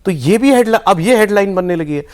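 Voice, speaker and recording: A man hosting a TV news discussion, framing the topic and putting questions to his guest in an animated way, mixing in English words. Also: high-pitched, fairly quick. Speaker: TV news anchor.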